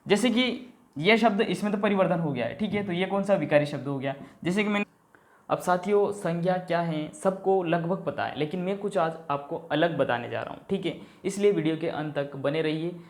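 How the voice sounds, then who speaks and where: A man's voice: fairly high pitch, moderate pace. A man teaching an exam-prep grammar lesson. He poses questions, answers them himself, addresses viewers as companions and keeps checking in with a short "okay".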